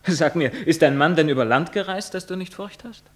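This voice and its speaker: A man's voice: a little high, a little fast, a bit bright. An actor playing a cool, mocking young man who teases his lover, in a classic radio play. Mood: evasive. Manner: mocking, teasing.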